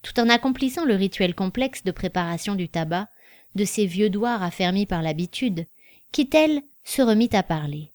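A woman narrating a novel in an even, literary storytelling manner. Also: medium pitch, normal speed, dry recording, clean studio sound. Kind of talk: audiobook reading.

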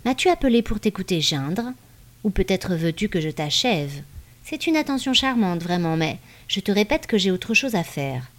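A woman's voice: mid-range voice, very animated, moderate pace, natural voice. A woman reading a cynical, cruel man in an audiobook, scornful and impatient. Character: cynical, cruel male warlord.

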